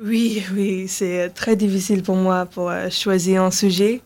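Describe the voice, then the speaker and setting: A seventeen-year-old girl from England speaking halting, hesitant French with an English accent and many fillers, as a radio interview guest. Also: medium pitch, little pitch movement, a little mellow. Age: teens.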